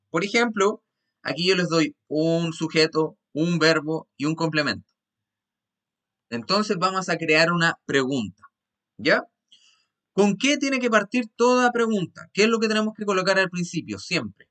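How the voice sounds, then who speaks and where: A male English teacher with a Chilean Spanish accent, explaining grammar patiently in an online class, often checking understanding and switching between Spanish and slow English. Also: high-pitched, lively intonation, sharp tone.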